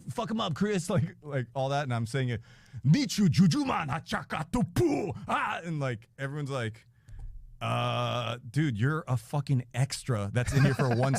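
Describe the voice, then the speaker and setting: A man with a fairly low voice, recorded close and dry, telling a loose anecdote as a guest. He rambles, swears freely, and switches into other people's voices while laughing through his own lines. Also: a little mellow, no echo. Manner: profane, rambling, acts out quotes, laughs mid-sentence. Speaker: podcast guest.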